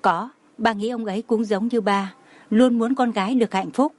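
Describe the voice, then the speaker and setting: Lady voicing a gentle older dad, soft and consoling, kind reassuring talk. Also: on the high side, steady tone, normal speed, lightly acted. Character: older father figure, gentle and moved.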